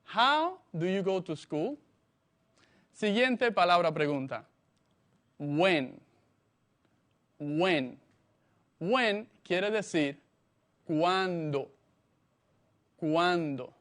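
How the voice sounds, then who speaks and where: Slow, deliberate male English teacher. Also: sits high, expressive, a bit bright. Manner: slow, deliberate, spells words letter by letter. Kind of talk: slow classroom lesson for children.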